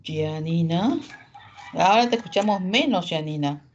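A woman's voice: fairly low pitch, lively intonation, darkish tone, lo-fi sound. Patient woman teacher on a video call. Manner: patient, explains slowly, mixes Spanish and English. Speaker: English teacher. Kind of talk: online class, calling on students.

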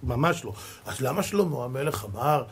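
A male rabbi giving a Torah lesson, preaching emphatically and swinging between loud and soft as he tells stories. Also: mid-range voice, animated, vocal fry, slight background noise. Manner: storytelling with acted quotes.

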